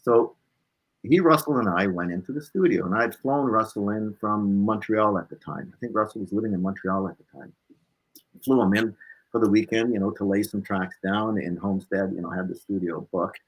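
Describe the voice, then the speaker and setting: A blues musician, being interviewed, casually recounts personal stories with animation, acting out pieces of dialogue and tacking on "right?". His voice is on the low side at a moderate pace, on a low-quality recording.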